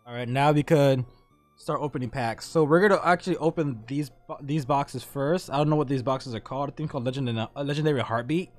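A young man hosts a laid-back live stream from an indoor home streaming room, bantering, cursing and tripping over his words. His medium-pitched voice moves quickly, recorded dry on a streaming mic with music in the background.

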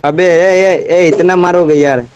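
A man's voice: fairly high pitch, fairly even intonation, slow pace, a little mellow, clear, resonant tone. A man giving live commentary on his game, exclaiming and pleading with other players, often repeating himself. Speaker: gamer streaming his match.

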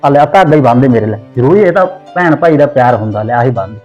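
A man's voice: medium pitch, animated, fast, dull audio, faint music behind, close to an everyday voice. A man playing a caring brother who comforts his crying sister. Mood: comforting. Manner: warm, comforting. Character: kind loving young brother, working man.

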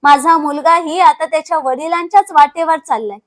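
A woman's voice: high-pitched, steady tone, a little fast, close to an everyday voice. A woman reading a wounded, angry older mother. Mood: wounded anger.

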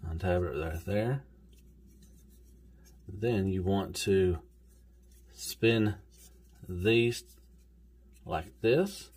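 Man, Southern US accent, lowish voice, casual toy review, rambling, folksy. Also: drawn-out words, long pauses, a little mellow, husky. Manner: easygoing, rambling, says "golly" and "y'all".

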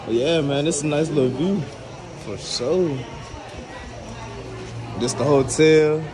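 Holding a phone or action camera at arm's length, this young male vlogger chats slowly in slangy, upbeat, emphatic fashion over crowd noise. The handheld camera audio is noisy, with rumble in the background.

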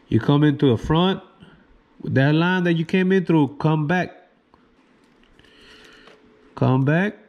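A man, hosting a fishing channel and calmly talking through how to tie knots step by step. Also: a little high, lo-fi sound. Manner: laid-back, slow, step-by-step instructions. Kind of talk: casual how-to demonstration.

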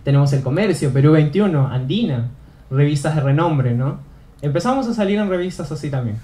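A man's voice: fairly high pitch, animated, fairly quick, warm tone. A young man giving an earnest motivational talk on stage, repeating phrases for emphasis. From Peru. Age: young adult. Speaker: student speaker. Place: auditorium stage.

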